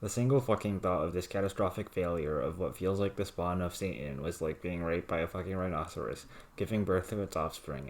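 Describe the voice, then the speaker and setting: A man with a low voice reads written rants aloud. His delivery stays deadpan and monotone, as if reciting plain text.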